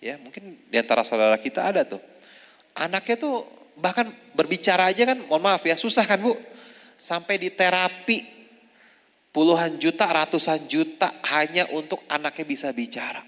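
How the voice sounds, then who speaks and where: A man's voice: fairly high pitch, lively intonation, moderate pace, a bit bright. Chatty male preacher in a reverberant hall. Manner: chatty, tags lines with "ya, Bu". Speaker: Islamic preacher. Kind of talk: religious study talk to women.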